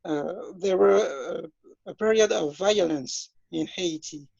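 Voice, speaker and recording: Man, twenties, from France, hesitant speech, fillers, husky, lo-fi dull audio. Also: high voice, slow pace, a little mellow, dry recording. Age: 20s. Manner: hesitant, many fillers and restarts. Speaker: interview guest. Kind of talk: self-introduction in an interview. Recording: dull, lo-fi dry sound.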